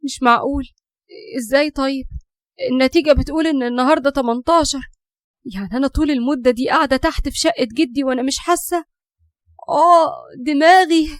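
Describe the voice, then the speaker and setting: A woman's voice: high-pitched, fast, no echo, clean studio sound, voice pushed up, natural voice. A woman voicing a frightened young Egyptian woman haunted by spirits, in an audio horror story. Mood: confused.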